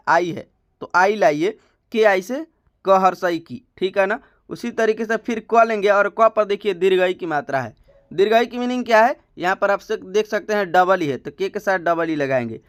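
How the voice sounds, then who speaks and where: A man explains a lesson slowly and patiently, repeating each point and checking in with his viewers. His voice sits high and sounds smooth and clear. The recording is dry and close to the mic. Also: a bit bright, no echo. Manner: patient, repetitive, addresses viewers as friends. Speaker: teacher.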